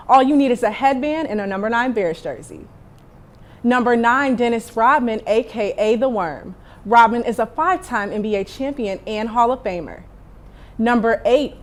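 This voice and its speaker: A young woman reads a scripted sports countdown, moving briskly from item to item. Her voice is a little higher than most women's, and her delivery stays light and easy. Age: young adult. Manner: light, list-style countdown reading. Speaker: student sports reporter. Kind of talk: scripted news package narration.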